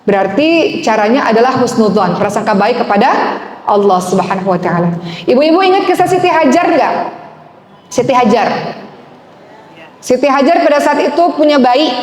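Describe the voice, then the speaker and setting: A young woman with a fairly high voice preaches to a roomful of women. She is lively and coaxing, and keeps asking her listeners to answer back. Her voice rings out through a large, echoey hall with a long reverb tail. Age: young adult. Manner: lively, coaxing, asks the audience questions. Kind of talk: sermon to a women's gathering.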